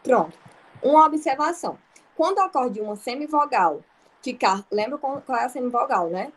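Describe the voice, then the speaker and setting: A young woman with a Brazilian accent and a slightly high voice leads an online grammar class. She explains patiently, step by step, with many examples. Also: expressive. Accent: Brazilian Portuguese. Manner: patient, explaining slowly with examples and frequent checks. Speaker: teacher.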